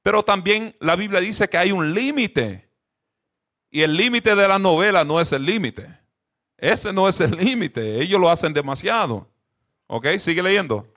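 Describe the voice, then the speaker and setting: A man teaches a Bible lesson in an animated, conversational way. His voice sits a bit high, and he keeps checking in with his listeners. He slips English fillers into his speech. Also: unhurried. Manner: drops English fillers into Spanish.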